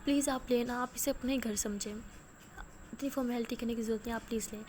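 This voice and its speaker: A woman's voice: fairly high pitch, steady tone, darkish tone, a little hiss or hum, natural voice. A woman voicing a young college woman who talks in a pleading, apologetic way. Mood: coaxing.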